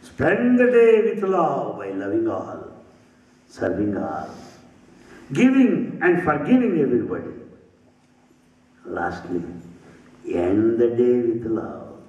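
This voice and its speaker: Slow, lively man speaking in an echoey temple hall. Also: medium pitch. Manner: slow, rhythmic, with repeated phrases and rising and falling emphasis; humorous asides that draw laughter. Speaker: spiritual speaker. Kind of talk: spiritual talk. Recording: roomy, distant, dull hall recording.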